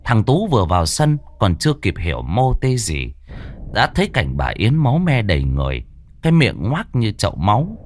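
A man's voice: wildly swooping pitch, normal speed. A man narrating a horror story in a theatrical, dramatic way. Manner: theatrical, swinging pitch widely for effect.

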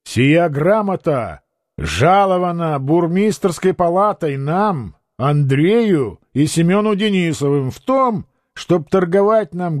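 A man voicing a calm shrewd merchant. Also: a little high, no echo, clean studio sound. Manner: measured, quiet, firm.

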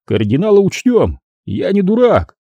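A man's voice: high voice, wildly swooping pitch, normal speed, warm tone, no room sound, lo-fi sound, pitched above the performer's own voice, heavily acted. Man doing an indignant, grumbling gangster. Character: aggrieved male gangster, blustering.

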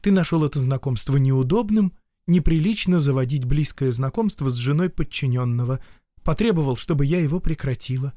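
Man doing a gentle, stubborn young noblewoman. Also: mid-range voice, brisk, dry recording, studio quality, pitched above the performer's own voice, close to an everyday voice. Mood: earnest. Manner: soft, pleading, earnest.

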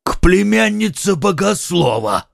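A man voicing a boastful, loose-tongued young musketeer in an audiobook, teasing and loud-mouthed. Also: mid-range voice, animated, a little slow, vocal fry, dry recording, clean studio sound. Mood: mocking. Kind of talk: audiobook character reading.

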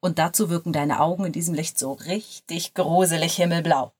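A woman reading the lines of a young male lawyer in a lower, softer, relaxed voice. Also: a little fast, slightly rough. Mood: teasing.

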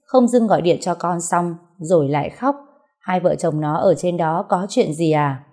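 A woman's voice: on the low side, moderate pace, natural voice. A woman reading the lines of a shocked, hot-tempered older husband in a storybook tale. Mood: outraged. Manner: shocked, loud.

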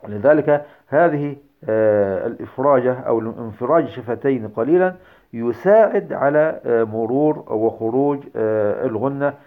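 Man teaching with a tinny sound. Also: mid-range voice. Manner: explains step by step with many hesitations, demonstrates recitation slowly. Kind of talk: recorded lecture on Quran recitation rules. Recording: tinny phone-like recording.

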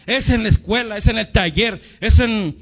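A man preaching a sermon in a folksy, animated way, often calling out "hermanos". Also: high-pitched, moderate pace. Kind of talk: sermon with a personal story. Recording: dull lo-fi recording.

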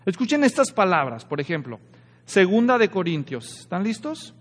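Pastor, man, high voice, lively sermon with lots of questions to the flock, long echo from the church hall. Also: normal speed. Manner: lively preaching, frequent rhetorical questions to the congregation.

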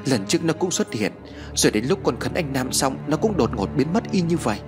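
A man's voice: mid-range voice, sing-song, a little fast, music in the background, voice pushed up, close to an everyday voice. A man voicing a frightened young widowed mother in a spoken ghost story, pleading and anxious.

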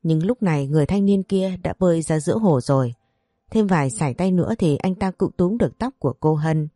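Low, mellow woman storyteller. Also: fairly quick, dry recording. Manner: steady, expressive narrating. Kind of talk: scripted story narration.

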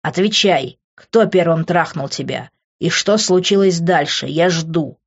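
A woman voicing a drunk, remorseful young man who growls and then pleads in a low voice. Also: unhurried, breathy edge, lo-fi sound. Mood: angry.

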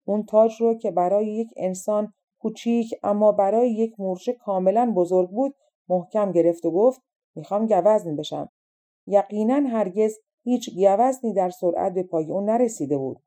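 Mellow woman reading a fairy tale. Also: mid-range voice. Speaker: audiobook narrator. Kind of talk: scripted fairy-tale narration.

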